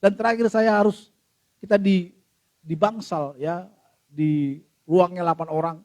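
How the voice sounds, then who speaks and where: A middle-aged male pastor preaching a sermon, telling a personal story with emotion and often addressing the congregation, swinging from loud to hushed. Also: high voice, steady tone, measured pace, dry recording.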